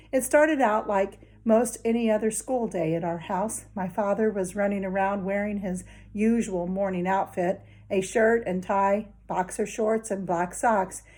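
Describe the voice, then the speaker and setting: A woman's voice: mid-range voice, darkish tone. A woman reading a children's novel aloud in a friendly, conversational way, talking straight to young listeners. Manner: conversational first-person storytelling. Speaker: children's book reader.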